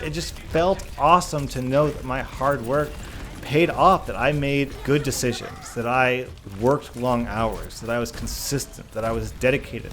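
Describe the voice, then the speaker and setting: A YouTube gaming content creator reads questions and answers them in a casual Q&A vlog, talking earnestly and stressing points with repeated, emphatic phrases. His voice is medium-pitched and fairly bright, with a little hiss or hum.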